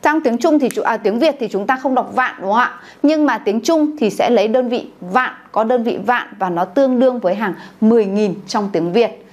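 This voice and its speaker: A woman with a fairly high voice leads a beginners' language lesson. She checks in with the class through frequent questions and has them say each word back to her. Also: moderate pace. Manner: calls on the class to repeat aloud, checks with questions. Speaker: Chinese teacher.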